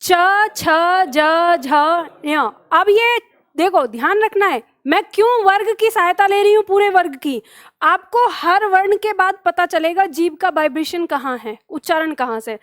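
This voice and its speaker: A woman's voice: extremely high pitch, moderate pace, no room sound, studio quality. A woman teaching an online exam-prep language lesson, explaining step by step, asking the students questions and drilling the sounds aloud with them. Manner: asks the students questions and answers them herself. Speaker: Hindi teacher.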